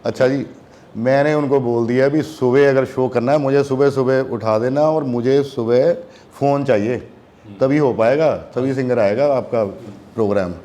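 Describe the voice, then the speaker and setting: A man's voice: mid-range voice, normal speed. A young man telling a long story in a casual chat, acting out the voices of the people in it. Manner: animated, acts out voices in quotes. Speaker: guest musician.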